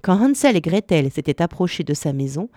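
A woman reading a fairy tale aloud in a slow, expressive storytelling manner. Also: lowish voice, no room sound, studio quality.

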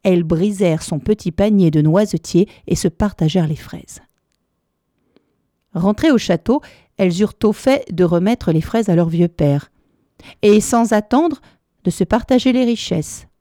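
Female storyteller, mellow and measured, lilting delivery, dry booth sound. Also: mid-range voice, no echo. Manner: measured, lilting, dramatic pauses. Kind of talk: storybook narration.

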